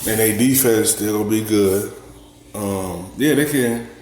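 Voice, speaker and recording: A man hosting a reaction video, giving relaxed sports opinions in short, halting sentences. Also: fairly low pitch, echoey room. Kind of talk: casual sports commentary.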